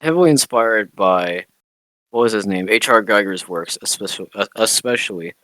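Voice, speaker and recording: A man with a somewhat low voice co-hosts a casual film podcast. He explains details in a relaxed way and swears now and then. The recording is dry and close. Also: moderate pace, no room sound, rough recording. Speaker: podcast co-host.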